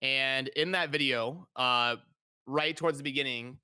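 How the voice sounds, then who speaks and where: Dude hosting a casual debate, bright clean voice, mid pitch, repeats himself a bit. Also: male voice, measured pace, smooth. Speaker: streamer hosting a debate, content creator.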